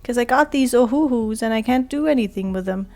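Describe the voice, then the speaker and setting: Hoarse, raspy woman murmuring while drawing. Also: a little high, a little fast, faint music behind. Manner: quiet, monotone, drifting into soft murmurs. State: hoarse from a cold. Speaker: art vlogger. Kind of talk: casual talk while drawing.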